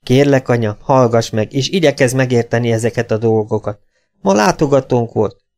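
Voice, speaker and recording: A man's voice: medium pitch, darkish tone, lightly acted. A man voicing a tense grown son who firmly insists to his old mother, in an audiobook. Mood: pleading. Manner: firm, insistent, sometimes pleading. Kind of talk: audiobook character voice.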